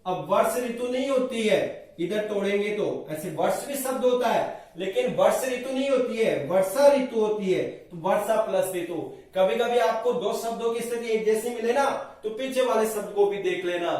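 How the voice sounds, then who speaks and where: A man's voice: high voice, moderate pace, a little mellow. A man teaching Sanskrit grammar in a lecture, explaining step by step and asking and answering his own questions. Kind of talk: classroom lecture at a board. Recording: very echoey room, mic far off.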